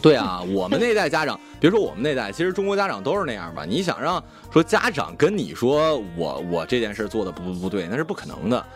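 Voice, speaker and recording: A man's voice: mid-range voice, big pitch swings, quick pace, few pauses, soft background music. A man telling a childhood story in casual chat and acting out family members' lines. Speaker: live-stream co-host.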